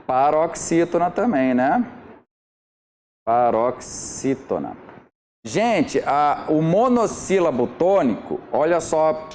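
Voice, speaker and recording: A man's voice: fairly high pitch, sing-song, slow pace, darkish tone, slight background noise. A man teaching exam prep, working through questions step by step and often checking that listeners are following.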